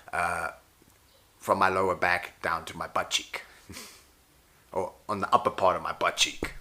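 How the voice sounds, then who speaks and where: A pro wrestler who also coaches jiu-jitsu talks unscripted to camera about his injuries, his voice low yet bright and forceful. He rambles, corrects himself, and keeps a wry tone, though his voice tires easily.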